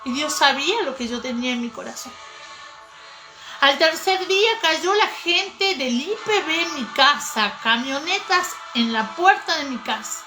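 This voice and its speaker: A woman's voice: high voice, expressive, unhurried, rough recording. A woman giving an emotional faith testimony, fervent and pleading, with repetitions. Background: music.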